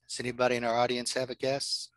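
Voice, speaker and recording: Bright-voiced man presenting online. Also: mid-range voice, monotone, fast talker, no room sound, rough recording. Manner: friendly, chatty, many ums and uhs. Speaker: librarian presenting a workshop. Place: home office. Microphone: video call.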